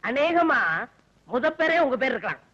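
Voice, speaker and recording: An actor playing a simple, grumbling servant in a comedy film scene, giving blunt literal answers. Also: male voice, very high-pitched, sing-song, moderate pace, very noisy. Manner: grumbling under his breath, answers literally. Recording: dull old film audio.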